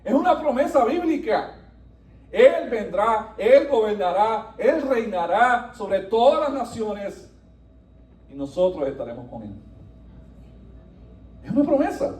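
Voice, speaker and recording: High-voiced pastor preaching in an echoey church. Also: male voice, measured pace, long pauses. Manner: animated preaching, wide swings from soft to emphatic. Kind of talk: sermon. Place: church sanctuary. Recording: echoey room, voice from a distance.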